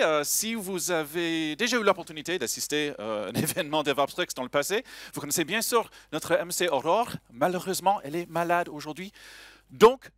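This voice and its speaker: A man's voice: on the high side, dry recording. A man with a slight foreign accent, opening a conference live as emcee and joking with the audience. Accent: a slight foreign accent in French. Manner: lively, joking, chatty with the audience. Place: conference hall stage.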